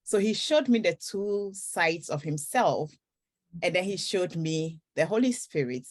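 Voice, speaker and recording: In a faith interview, a woman author from Ghana tells her story earnestly, her voice on the low side with lively intonation and a measured pace. At times she breaks into song.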